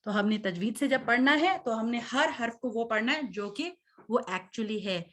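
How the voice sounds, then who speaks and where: High-voiced, slow, patient recitation teacher woman. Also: lively intonation, a bit bright. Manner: patient, slow, drawn-out modeling of sounds. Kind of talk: online recitation lesson.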